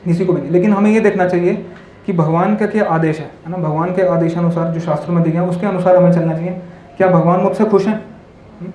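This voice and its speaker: Speaking quickly in a high, warm voice with fairly even intonation, a monk addresses an audience in an echoey hall with faint ambience and a little hiss or hum. He tells parables and stories, drops in English words, and constantly checks in with tag questions.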